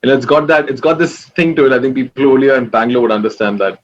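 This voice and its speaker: A man's voice: medium pitch, very fast. Young man, lo-fi sound. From Kerala, India. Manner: relaxed, rambling, many fillers. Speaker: interview guest. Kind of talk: casual interview.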